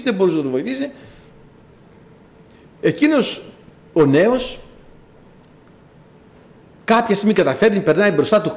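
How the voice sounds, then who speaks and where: A man preaching a sermon, telling a story with low asides and sudden high cries. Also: darkish tone.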